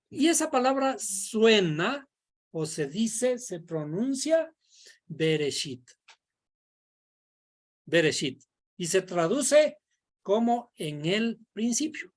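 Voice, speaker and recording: A woman teaching a Bible study class in a classroom, explaining step by step and quizzing her students. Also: mid-range voice. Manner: slow, deliberate, quizzing the class. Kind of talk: classroom lecture. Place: classroom, indoors.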